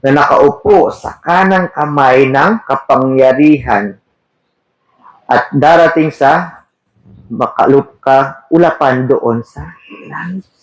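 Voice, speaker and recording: A man's voice: mid-range voice, slow, pauses often. A man preaching a sermon, reading verses and asking his listeners questions, mixing English terms into his talk. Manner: asks the audience questions, switches between Tagalog and English terms. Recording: echoey room.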